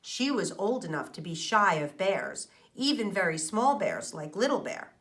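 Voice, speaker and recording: A female teacher reads a children's storybook aloud with plenty of expression, explaining things to her young audience and asking them questions. Her voice sits on the low side.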